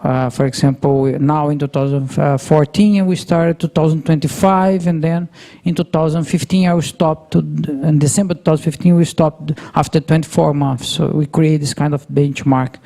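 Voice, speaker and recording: A man answering on a conference panel, halting with many fillers and restarts. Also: a little high, gravelly, mellow. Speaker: panelist from a national treasury.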